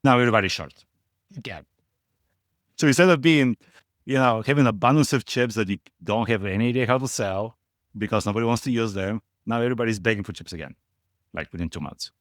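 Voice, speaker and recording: This middle-aged Bulgarian portfolio manager, a guest in a conversational interview, speaks fast in a lowish voice with a Bulgarian accent. He's emphatic and repeats words for stress. The studio recording is clean, with no room sound.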